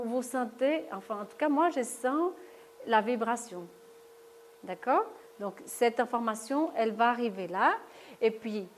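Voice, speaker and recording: Lady teaching a stress workshop, slow and a bit high, keeps asking "d'accord?". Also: a little hiss or hum. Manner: explanatory, frequent "d'accord?" checks and fillers. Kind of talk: live talk demonstrating tapping technique. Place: lecture room with audience.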